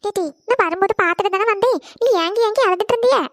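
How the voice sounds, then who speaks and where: A fussing, scolding cartoon mother, as a woman puts her on. She scolds quickly in a clear, high voice. The recording is dry and close. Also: no echo. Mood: worried. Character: scolding worried middle-aged village mother. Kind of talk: cartoon voice acting.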